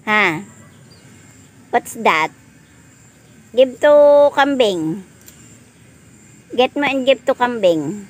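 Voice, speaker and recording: An older woman with a high, lively voice that leaps up and down in pitch, coaxing her grandchild in sing-song baby talk. She speaks slowly and drawn out, filming on a handheld phone outdoors near farm animals, with a faint hum of outdoor noise behind her. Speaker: vlogger grandmother. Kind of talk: casual family vlog.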